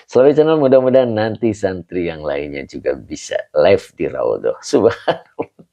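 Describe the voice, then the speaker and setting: Deep gravelly-voiced male religious teacher. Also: big pitch swings. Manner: greets viewers warmly with frequent chuckles and pious phrases; explains Arabic grammar slowly and carefully. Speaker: Islamic teacher, live stream host. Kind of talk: live online kitab lesson.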